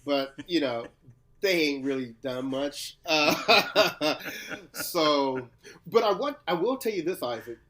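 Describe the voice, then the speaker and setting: A man's voice: fairly high pitch, lively intonation, takes it slowly, a bit bright. A man from Louisiana, co-hosting a casual podcast chat in a playful, teasing way. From Louisiana, USA. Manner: laid-back, playful, teasing. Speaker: podcast co-host.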